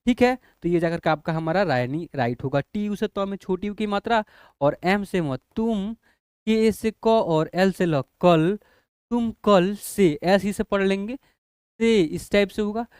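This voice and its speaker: A man's voice: sits high, measured pace, a little mellow, clear, resonant tone, no room sound, clean studio sound. A man teaching a lesson, patiently spelling out letters one by one and asking the students whether they follow. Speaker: English teacher. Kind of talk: classroom lesson explaining spelling.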